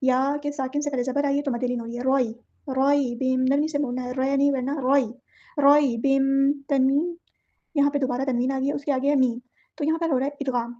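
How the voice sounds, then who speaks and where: A woman teaching Quran recitation rules, explaining each word and then reciting it slowly and drawn out. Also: high-pitched, steady tone, dark tone, muffled recording. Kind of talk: tajweed lesson.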